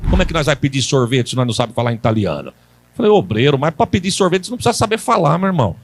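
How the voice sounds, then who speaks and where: Rapid-fire and full of big pitch swings, a high-voiced pastor preaches Pentecostal-style at a church service. Folksy, colloquially phrased stories mix with call-and-response from the congregation, climbing into loud preaching.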